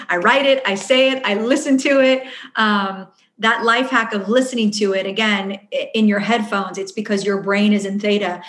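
A woman's voice: a little high, a bit bright. A woman answering interview questions in a chatty way, with many fillers, acting out her own inner voice. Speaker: guest. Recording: roomy echo.

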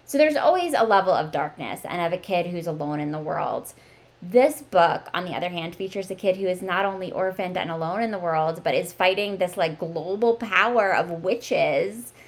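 A woman in her thirties hosting a casual book podcast, talking in a chatty way with lots of "like" fillers. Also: mid-range voice. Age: 30s. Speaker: podcast host.

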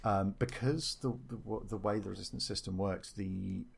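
A man's voice: on the low side, steady tone, normal speed, vocal fry, breathy edge. A man talking casually about the game he designs, with many fillers and restarts. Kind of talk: casual interview chat.

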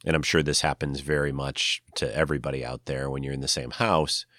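An older man with a nasal, congested voice, tired from a cold, talking casually and haltingly as he hosts a solo podcast. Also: a bass voice, steady tone, bright, forceful tone, dry recording, studio quality. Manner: halting, rambling. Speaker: podcast host.

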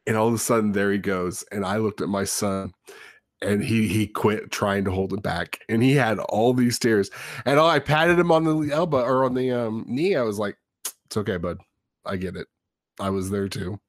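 Podcast co-host, male, lowish voice, animated rambling storyteller, dry close mic. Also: moderate pace, dry recording. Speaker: father. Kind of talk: casual podcast chat.

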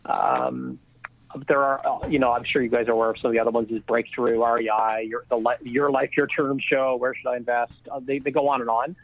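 Speaking briskly at a medium pitch, a male real estate investor guests on a podcast by phone, rambling casually with plenty of fillers and restarts. The phone line sounds tinny.

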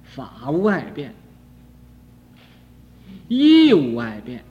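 An older man teaching Buddhist doctrine in a high, lively voice, drawing his words out slowly and scattering "ah" between phrases. He drops to near-whispers and then rises sharply. The dull archival recording carries a long hall reverb. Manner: slow, drawn-out delivery with frequent "ah" fillers, swinging between soft and loud. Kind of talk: dharma lecture on a sutra commentary.

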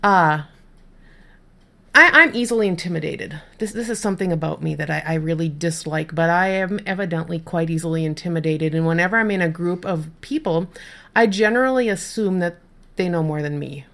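A woman's voice: lowish voice, fairly quick, creaky, a bit bright. Chatty self-deprecating woman telling a story. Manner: self-deprecating storyteller, repeats words when starting sentences. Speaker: podcast co-host. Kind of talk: casual chat.

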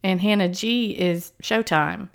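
A woman co-hosting a casual chat, teasing and quick with wry quips. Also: mid-range voice, creaky, clean tone. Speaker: podcast co-host. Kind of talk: casual chat about a reality dating show.

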